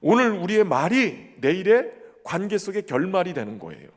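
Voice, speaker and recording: A man's voice: high voice, big pitch swings, moderate pace, big-room sound. A man preaching a sermon as pastor, earnest and emphatic, who keeps addressing the congregation directly.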